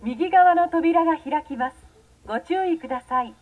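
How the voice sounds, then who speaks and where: A woman's voice: very high-pitched, lively intonation, moderate pace, a little mellow. A woman reading formal, scripted station announcements as a subway announcer. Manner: formal, carefully phrased.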